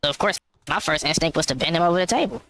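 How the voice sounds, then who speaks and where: A man's voice: a little high, expressive, rapid-fire, gravelly, bright, forceful tone. A man delivering a mock-serious comedy monologue, insisting on absurd claims. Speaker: skit comedian.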